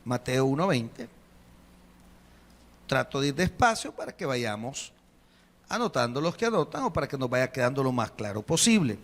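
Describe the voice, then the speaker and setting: A man, preaching a sermon as a pastor, emphatic, slowing on key phrases and putting rhetorical questions to the congregation. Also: medium pitch, big pitch swings. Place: church hall. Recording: long reverb of a church hall.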